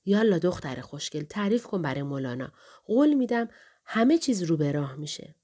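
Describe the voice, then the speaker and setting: A woman reading a gentle coaxing young spirit woman. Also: lowish voice, big pitch swings. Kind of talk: audiobook character reading.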